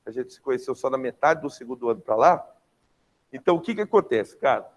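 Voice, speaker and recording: A young adult man with a Brazilian Portuguese accent, teaching an online class in a lively, slangy way, often checking in with his students. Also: mid-range voice, quick pace.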